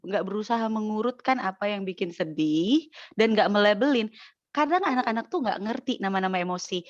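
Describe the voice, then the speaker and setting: A woman speaks at a middle pitch and gives parenting advice, explaining eagerly with everyday examples. The audio is dry and dull, a little lo-fi. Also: no echo. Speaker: parenting speaker answering questions. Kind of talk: advice talk.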